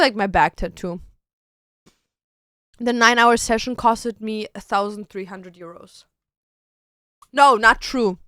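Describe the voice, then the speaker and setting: Clear and resonant, this young woman's fairly high, sharp-toned voice comes through clean studio sound with no echo. She's a tattoo artist casually answering questions from her stream viewers, talkative and loose, dropping "like" and "dude" often.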